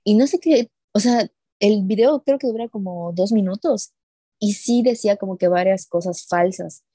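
A woman's voice: mid-range voice, moderate pace, mellow, no echo, studio quality. A young woman in casual chat, indignant and swearing freely. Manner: indignant, swearing, retells others with quoted voices.

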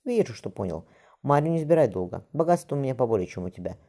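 A narrator playing a menacing middle-aged tsar who talks in a venomous, mocking way. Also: male voice, medium pitch, sing-song, fast, dark tone. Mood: threatening.

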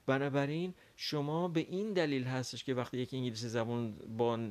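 A man whose first language is Persian, teaching a language lesson and explaining patiently with frequent pauses and fillers. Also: medium pitch, steady tone, darkish tone. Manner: explains carefully with many pauses and fillers, models English words slowly. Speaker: English teacher.

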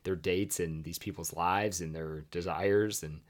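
A man's voice: low voice, steady tone, measured pace. A man hosting a podcast, casually telling a history story with chatty, wry asides. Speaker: podcast host.

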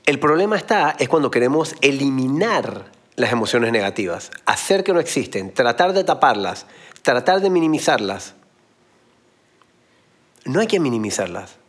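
A man's voice: mid-range voice, sing-song, normal speed, husky. A man giving a motivational talk, explaining with everyday analogies and blunt slang. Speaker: motivational speaker.

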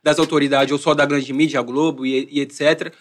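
A man's voice: on the high side, little pitch movement, quick pace, a little hiss or hum. A man with a São Paulo accent hosting a casual interview in heavy urban street slang. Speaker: host and journalist.

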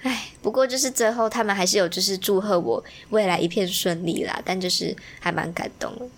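A young woman in her twenties telling a story in casual chat, lively and laughing often, acting out the voices of the people she quotes. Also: medium pitch, brisk.

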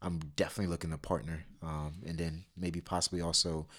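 A man's voice: low voice, flat delivery, quick pace, fairly bright tone. A man from Sierra Leone, a podcast guest talking casually, laughing easily and filling with "you know". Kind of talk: casual interview chat.

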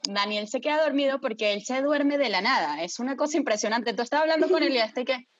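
A woman telling a story casually to friends, dramatic and lively, swearing freely and often checking that her listeners follow. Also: sits high, fast talker, lo-fi sound, a little hiss or hum.

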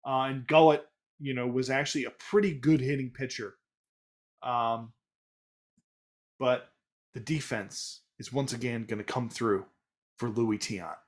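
A man with a Boston accent hosting a casual baseball recap podcast, chatty and enthusiastic with frequent fillers and restarts. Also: mid-range voice. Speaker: podcast host.

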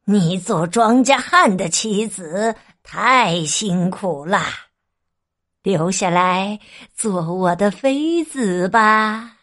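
A woman's voice: mid-range voice, very slow, fairly bright tone. A woman voicing a greedy, hot-tempered male emperor in a storybook reading, sounding bossy and commanding. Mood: coaxing.

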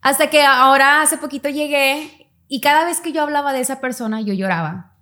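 A young woman talks casually on a podcast, with a fairly high voice. She tells a personal story and jumps into quick, lighter voices when she acts out what people said. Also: bright, forceful tone. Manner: storytelling, acts out quoted dialogue in quick higher tones. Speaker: podcast co-host. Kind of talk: casual chat.

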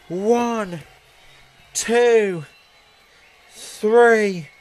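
A male wrestling commentator with a notably high voice. He calls the action play-by-play at a slow, drawn-out pace, dramatic and exclamatory, hammering on repeated phrases. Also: a little hiss or hum.

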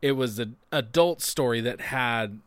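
A young adult man co-hosting a casual podcast chat, animated and swearing, with loud bursts of laughter. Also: mid-range voice, measured pace, no echo. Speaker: podcast co-host.

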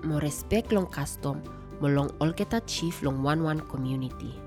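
A woman's voice: low voice, moderate pace. A woman with a ni-Vanuatu accent reading scripted narration in Melanesian pidgin. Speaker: podcast narrator. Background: music.

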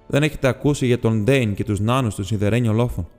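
A man's voice: mid-range voice, darkish tone, natural voice. A man reading the part of a polite, businesslike male hobbit burglar in an audiobook, speaking in a courteous, precise and slightly formal way. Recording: long reverb with faint music.

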